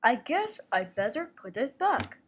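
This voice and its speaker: A woman's voice: sits high, very animated, a little slow, a little hiss or hum. C-3PO, fussy droid, voiced by a woman. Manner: prim, easily flustered, says "oh my". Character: fussy golden protocol droid reviewer, male. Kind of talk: homemade toy video narration.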